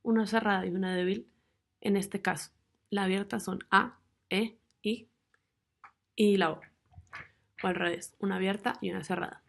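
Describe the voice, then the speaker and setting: Slightly gravelly young woman narrating a lesson. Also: mid-range voice, fairly even intonation. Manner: reads rules and lists of example words in a measured way. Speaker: student presenter. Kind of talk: narrated class presentation.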